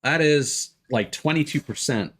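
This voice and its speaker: This male streamer speaks at a measured pace in a fairly high voice, thinking aloud analytically while casually commenting on his live gameplay. Loud game music fills the background, and the audio carries a slight hiss or hum.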